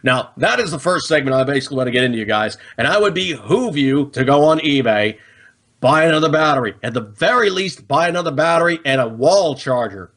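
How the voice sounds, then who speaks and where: Fairly high-pitched and a bit bright, this American host talks fairly quickly with lively intonation. On his hobby gun and gadget show, he explains things off the cuff in a folksy, slang-filled, chatty style, frequently checking in with viewers.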